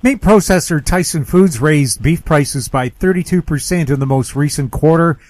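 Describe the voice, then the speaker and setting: A male radio host puts questions to his guest in a plain, even way. His voice sits a little high. The sound is dry and close, with no room in it. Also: moderate pace, no room sound. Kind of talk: interview questions.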